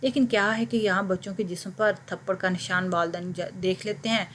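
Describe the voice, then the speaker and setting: A woman voicing a stern male cleric of about sixty in a spoken story, talking slowly and heavily. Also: mid-range voice, fairly even intonation, a bit bright, slight background noise, lightly acted.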